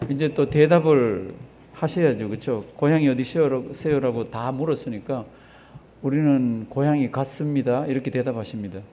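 Over a little hiss or hum, a mellow mid-range male voice preaches at normal speed. The pastor keeps the sermon conversational, asking the congregation rhetorical questions, drawing their responses, and repeating phrases for emphasis.

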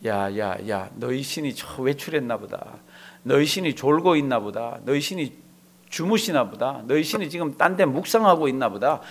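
A man voicing an old prophet who scornfully taunts his rivals, in a lower, quieter tone than his own. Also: expressive, normal speed. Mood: mocking. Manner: taunting, sarcastic.

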